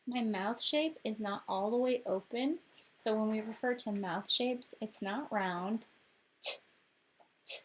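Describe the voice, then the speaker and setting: Breathy woman teaching phonics to children. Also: mid-range voice. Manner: patient, demonstrates sounds aloud.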